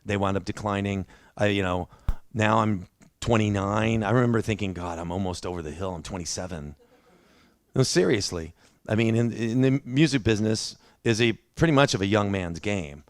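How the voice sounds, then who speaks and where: In a dry recording, a preacher whose voice sits on the low side speaks at a moderate pace. His church sermon draws on his own story, told conversationally and with a good deal of self-deprecation.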